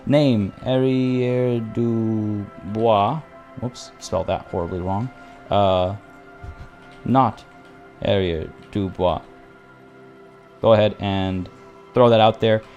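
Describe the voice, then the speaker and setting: Over soft background music, a streamer playing a video game rambles to his audience, veering off on tangents, restarting often, and complaining that his voice is going. He speaks slowly with long pauses, in a lowish, steady, darkish voice, and the recording's highs are cut off.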